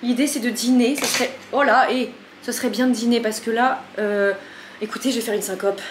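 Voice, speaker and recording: A chatty woman with a slightly high voice talks through a casual home vlog, frazzled and self-mocking. She is recorded in an echoey kitchen with a faint hum of room noise behind her. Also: fairly even intonation, fairly quick. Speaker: vlogger.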